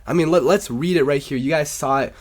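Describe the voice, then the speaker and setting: A man's voice: a little high, a little fast. A man with a congested, sore-throated sick voice gives casual, opinionated sports commentary as a video host in an informal, rambling way.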